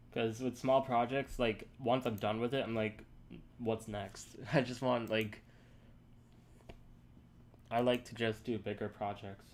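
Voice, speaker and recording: A young man casually thinking aloud and answering chat on a live coding stream, halting and rambling as he works. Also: medium pitch, little pitch movement. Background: keyboard typing.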